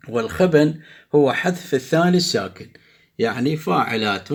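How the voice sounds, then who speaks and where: A man's voice: mid-range voice, husky. A middle-aged man, a professor giving a lecture on poetic meter who chants the beats of syllables aloud.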